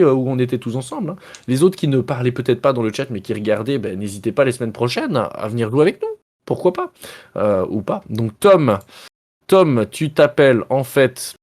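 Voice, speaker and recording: A man's voice: mid-range voice, darkish tone. A man in his usual mid-range voice hosts a live online board game stream, casual and playful. He banters with viewers, teases himself about his skill and reads card rules aloud with little reactions. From Belgium. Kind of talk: casual live-stream chat while playing.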